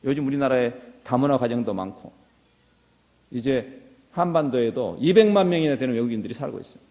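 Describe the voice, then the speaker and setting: A man's voice: mid-range voice, expressive, fairly quick, mellow. A middle-aged man preaching a sermon as a pastor, earnest and building to impassioned appeals. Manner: earnest, rising to impassioned exhortation. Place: church sanctuary. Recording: reverberant church hall.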